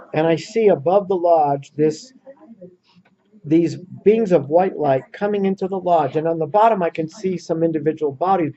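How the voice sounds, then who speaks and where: A man with a fairly high, mellow voice tells a story to a small group in an earnest, animated way. The recording is dull and lo-fi. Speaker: workshop leader. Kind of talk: speaking to a small audience. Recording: muffled lo-fi recording.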